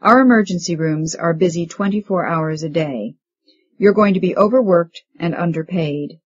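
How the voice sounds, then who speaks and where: A woman's voice: on the low side, husky, highs cut off. Woman reading as a stern male hospital chief. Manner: brisk, authoritative lecturing. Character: stern middle-aged male hospital chief briefing residents.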